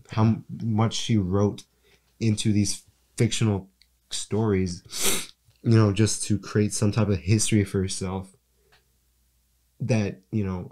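A young man with a low voice and a stuffy, congested sound talks through a film review in a loose, casual way. He rambles and circles back to correct himself as he goes. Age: young adult. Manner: rambling, self-correcting, relaxed. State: congested from allergies. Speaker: podcast co-host.

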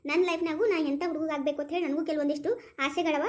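Woman voicing a defiant young woman, mocking, North Karnataka Kannada accent, high quick voice, cartoon, echoey room. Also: little pitch movement, a little mellow, natural voice. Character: stubborn young woman refusing a match. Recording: roomy echo.

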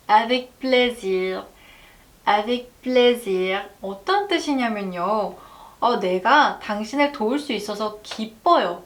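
A woman teaching a French lesson, slowly and carefully demonstrating pronunciation for learners to repeat. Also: a little high, a bit bright. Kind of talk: language lesson.

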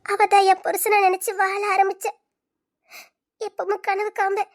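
A very high, girlish voice belongs to an earnest young woman in an audio drama, her words heavy with tears, as a woman acts her out. She speaks steadily and sincerely, turning away a friend who loves her. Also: monotone, normal speed. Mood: tearful. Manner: tearful, earnest.

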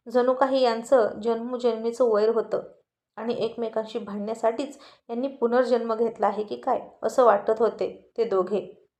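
A woman narrating a family story in a lively, expressive way. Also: a little high.

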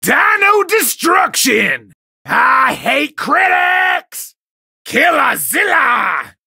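An actor voicing a small rampaging Godzilla-like monster for a video game, bombastic and destructive, shouting short catchphrases in a gravelly screech. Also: high-pitched, sing-song, drawn-out words, no echo, clean studio sound, full character voice. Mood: aggrieved, whiny.

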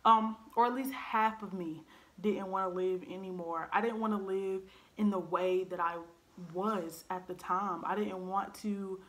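A woman around twenty speaks openly to camera from her living room, her medium-pitched, fairly bright voice steady and unhurried. Earnest and direct, she tells a personal story full of ums and likes, filmed by a desk-height camera facing her.

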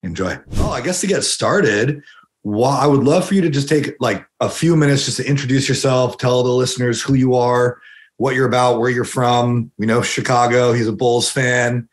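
A man's voice: mid-range voice, normal speed. A young man co-hosting a podcast, opening the show and talking enthusiastically, often repeating words as he goes, on a headset. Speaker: podcast co-host. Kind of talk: podcast intro and interview.

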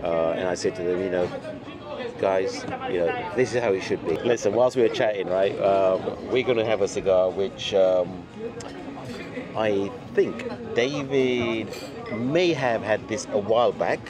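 Over crowd noise and background music, a middle-aged cigar retailer hosts an easygoing on-camera lunch chat at an outdoor table by a stone wall. He talks a little slowly, with a voice on the low side, and he repeats phrases for emphasis.

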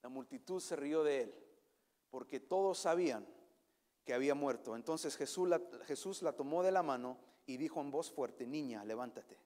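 A male pastor giving an animated sermon, sometimes slipping English words into his preaching. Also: on the high side, normal speed. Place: church hall. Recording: long church hall reverb.

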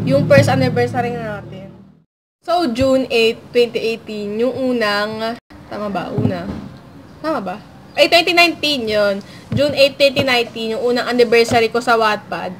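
Young woman, from the Philippines, casual vlog talk, rambling with fillers, higher pitch, faint background noise. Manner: rambling, many fillers, wistful and apologetic. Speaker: vlogger and online story writer.

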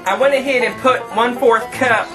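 A man with a very high, fairly even voice speaks at normal speed, playing a campy, thrifty trailer park queen who hosts a folksy, tongue-in-cheek home cooking demonstration. He instructs cheerfully from a small home kitchen, caught on a distant camera mic with music behind.

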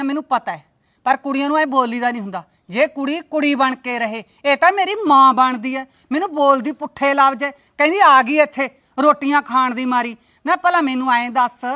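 An actress playing a sharp-tongued, middle-aged visiting aunt in a Punjabi short drama, complaining and scolding with indignation. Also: female voice, sits high.

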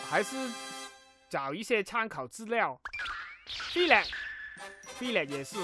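High-pitched man, Cantonese-accented Mandarin. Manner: mixes English terms into Mandarin. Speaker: tutorial host. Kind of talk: casual software tutorial narration. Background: music behind the voice.

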